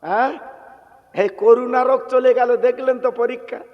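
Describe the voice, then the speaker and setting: A man preaching a sermon in a chanting, drawn-out, melodic way, calling out to the gathered listeners. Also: very high-pitched, steady tone, big-room sound, muffled recording. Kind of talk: sung Bengali sermon.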